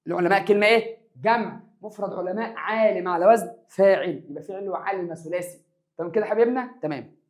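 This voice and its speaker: A man's voice: high voice, quick pace. A man teaching an exam review of grammar in an Egyptian accent, stretching words for emphasis and answering his own questions. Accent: Egyptian Arabic. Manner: lively, stretches words for emphasis, calls students "my dears". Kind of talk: exam review lesson for secondary students.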